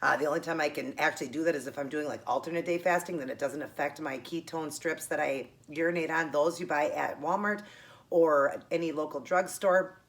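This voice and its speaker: A middle-aged American woman with a tongue piercing, chatting casually to viewers while she eats. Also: low-pitched. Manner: talking while eating, with pauses to chew. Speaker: host of a keto eating show.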